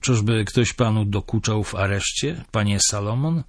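A man's voice: fairly low pitch, no room sound, studio quality, natural voice. A man voicing a stern, cool-headed police officer who speaks firmly and coldly. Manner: firm, measured, cold.

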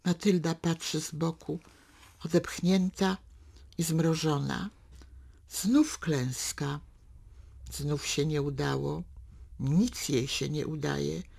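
A woman's voice: deep voice, fairly even intonation, takes it slowly, vocal fry, pauses often, a little mellow, husky. A woman reading a novel passage aloud with dramatic swings into the characters' thoughts, then talking it over.

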